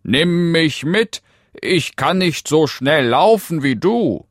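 A man voicing a talking frog in a fairy tale, calling out in a high, loud, drawn-out voice. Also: sing-song, no echo, clean studio sound. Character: pleading talking frog from a well, male.

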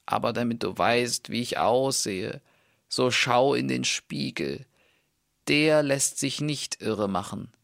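Guy doing a sad cursed princess from a storybook, voice lifted but still gravelly, unhurried. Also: mid-range voice, a bit bright, no echo, clean studio sound, voice pushed up. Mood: sorrowful. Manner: raised, lamenting and earnest. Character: sorrowful enchanted princess, gentle and grave.

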